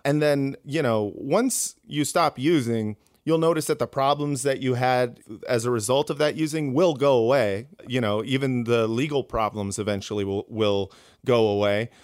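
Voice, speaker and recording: A comedian guest in a casual interview, rambling with many fillers and restarts. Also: male voice, medium pitch, normal speed, few pauses, darkish tone, clean tone, no room sound, clean studio sound.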